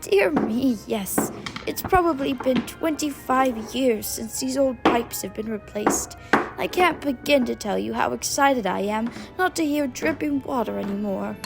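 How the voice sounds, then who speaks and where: An elderly cartoon lady, played by a woman, with a high, crackly voice. She is genteel and effusive, full of fussy gratitude, over faint music. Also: lively intonation, measured pace, vocal fry. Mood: genteel relief. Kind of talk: animated film dialogue.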